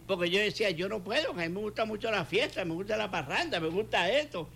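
A man's voice: high-pitched, lively intonation, quick pace, gravelly, a bit bright. An older man with a Puerto Rican Spanish accent, a pastor giving a fervent testimony and repeating his phrases for emphasis. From Puerto Rico. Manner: fervent, repeats phrases, acts out quoted dialogue. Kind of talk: preaching testimony in a talk show.

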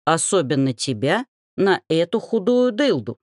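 A woman's voice: fairly low pitch, big pitch swings, a little slow, darkish tone, dry recording, clean studio sound. A woman voicing a blunt, teasing young male half-gnome with a grumbling delivery.

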